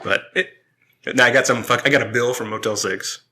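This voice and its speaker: Bright-voiced, profane man in his forties. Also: mid-range voice, fairly even intonation, fairly quick. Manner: profane, rambling, laughs through stories. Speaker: podcast host. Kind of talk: casual storytelling chat.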